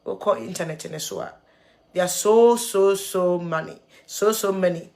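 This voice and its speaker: Ghanaian woman vlogger, tearful, earnest, halting, code-switching. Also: fairly low pitch, darkish tone. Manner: earnest, mixes English and Twi, halting repeats. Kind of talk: emotional video commentary.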